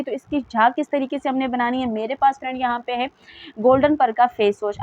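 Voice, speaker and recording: A woman's voice: on the high side, darkish tone, dry recording, dull audio. A woman giving a chatty, repetitive voice-over for a home beauty recipe, addressing viewers as friends. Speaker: beauty vlogger.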